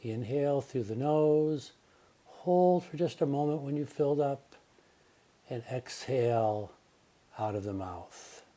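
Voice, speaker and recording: A relaxation meditation is led by a man teaching yoga nidra, his voice medium in pitch. He speaks softly and calmly, pausing without hurry.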